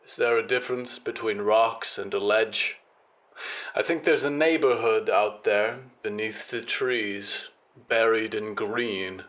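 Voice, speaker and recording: A man's voice: lowish voice, takes it slowly, a bit bright, highs cut off. A man voicing a big, haughty show-business lady with a grand, condescending drawl in an audio drama. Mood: musing. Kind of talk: audio fiction monologue and dialogue.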